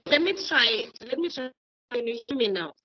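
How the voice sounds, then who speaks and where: A woman advocate on a video call, answering questions in halting speech with many repeated words while her audio breaks up and glitches. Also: a little high, animated, sharp tone, no echo. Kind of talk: online webinar Q&A. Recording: dull lo-fi call line.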